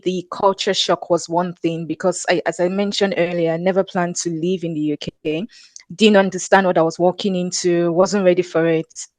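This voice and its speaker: A woman telling her story on a webinar panel, confident and animated. Her voice sits a little low, and the sound is close and dry with no room echo. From Nigeria.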